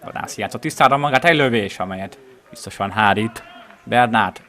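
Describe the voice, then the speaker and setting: A man with a fairly low voice calls a football match live from the ground outdoors. His play-by-play stays measured and descriptive, lifting into excitement whenever a chance develops. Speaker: football commentator. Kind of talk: live match commentary of amateur regional football.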